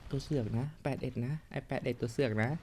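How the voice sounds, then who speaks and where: A man's voice: medium pitch, steady tone, fast, darkish tone, a little hiss or hum. A man giving casual, joking commentary while playing a tank game, swearing freely and laughing at his own mistakes. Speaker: mobile tank game YouTuber. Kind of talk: live gameplay commentary.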